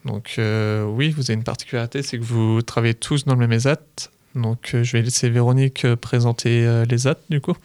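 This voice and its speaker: A young man hosting a radio interview in the studio, relaxed and leaning on fillers as he asks questions. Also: mid-range voice, fairly quick, few pauses, smooth. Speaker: radio host.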